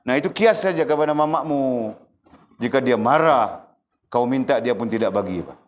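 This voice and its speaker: A man giving a religious lecture, animated and often checking his listeners with quick rhetorical questions. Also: mid-range voice, a little hiss or hum. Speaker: religious teacher.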